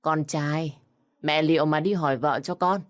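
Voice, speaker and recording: A woman's voice: low-pitched, fairly even intonation, normal speed, lightly acted. A woman voicing a violent, threatening young man in a storybook reading. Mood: blunt. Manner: threatening, shouting. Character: violent drugged young brother-in-law.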